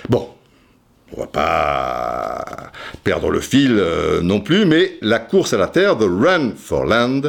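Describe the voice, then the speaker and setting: A man's voice: low voice, slow pace, creaky. Guy in his 50s on his podcast, bouncy up and down voice, goofy sound effects. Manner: animated, mimics voices and sounds, self-mocking. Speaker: podcast host. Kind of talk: casual storytelling monologue.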